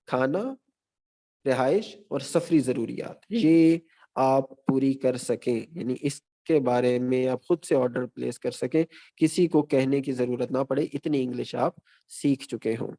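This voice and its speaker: A man giving an online teaching session as a guest lecturer, speaking in a measured, explanatory way and recapping his points one by one. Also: mid-range voice, mellow.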